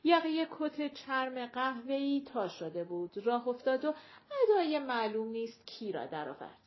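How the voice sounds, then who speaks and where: High-voiced woman reading an audiobook. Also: expressive, lo-fi sound. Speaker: audiobook narrator. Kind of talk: audiobook narration.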